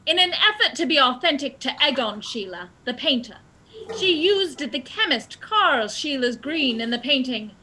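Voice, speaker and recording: Heavily acted and pompous, a woman's high, bright, forceful voice swings widely in pitch at normal speed as a theatrical lady detective in a comic radio play explains a murder, self-assured, commanding and triumphant. The poor audio has a little hiss or hum, with music behind the voice.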